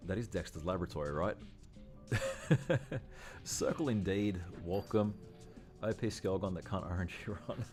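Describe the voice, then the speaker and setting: A man's voice: low voice, a little slow, long pauses, darkish tone, faint music behind. A man giving chatty livestream commentary while playing, thinking aloud and often correcting himself. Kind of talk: casual gameplay livestream commentary.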